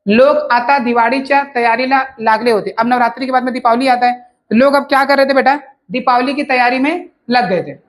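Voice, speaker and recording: A woman's voice: a little high, brisk. Patient woman teacher explaining a lesson. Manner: repeats and rephrases patiently, addresses listeners as children. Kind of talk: line-by-line textbook explanation.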